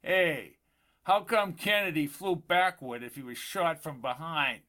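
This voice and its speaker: A man voicing a gruff, cocky male tourist who talks up conspiracy theories in an audiobook. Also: a little high, a little slow, sharp tone.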